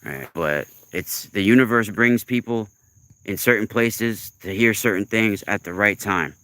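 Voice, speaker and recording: A man in his forties hosts a casual livestream monologue, rambling in an earnest, emphatic way. His voice is fairly low, bright and forceful, and he speaks unhurriedly with no room sound.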